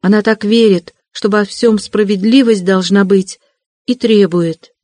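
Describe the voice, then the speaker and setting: A timid young woman pleads fervently in a soft, lifted voice, as a man puts her on while reading an audiobook. The sound is dry and close, with no room around it. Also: high voice, steady tone, unhurried, no echo. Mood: pleading. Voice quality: raised, soft and fervent delivery.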